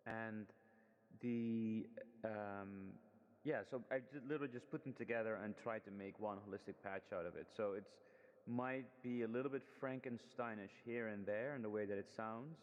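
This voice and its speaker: A fairly low-voiced man talks through a screen demo in a relaxed, halting way, trailing ums and restarting his sentences. Heavy reverb washes over every word, as though he were speaking in a large hall, and the sound is dull and lo-fi. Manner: hesitant, many ums and restarts. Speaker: student presenting a final project. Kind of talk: casual screen demo walkthrough.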